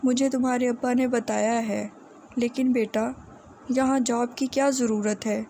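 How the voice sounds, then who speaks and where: A woman's voice: on the high side, fairly even intonation, warm tone, a little hiss or hum, close to an everyday voice. Woman reading a kindly older uncle.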